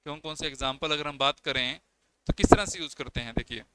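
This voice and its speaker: A man's voice: a little high, fairly quick, heavy background noise. A young man teaching an exam-prep class on poetry, explaining step by step and counting syllables aloud, with as his on terms. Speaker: English lecturer. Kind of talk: exam coaching lecture.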